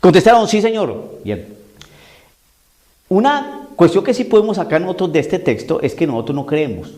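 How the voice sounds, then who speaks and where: A man's voice: on the high side, animated, moderate pace, a little mellow. A man preaching a sermon, emphatic and repetitive, often acting out the voices he quotes.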